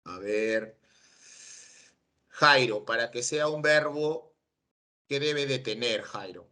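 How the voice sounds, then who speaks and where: A man's voice: medium pitch, slow, pushed and bright. A man teaching an online class over a video call, patiently checking that his students understand.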